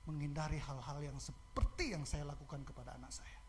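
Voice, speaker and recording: A middle-aged man preaching a sermon as pastor, telling a personal story with swings from soft, quiet passages to loud, shouting emphasis. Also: a little high, steady tone, brisk, slight background noise.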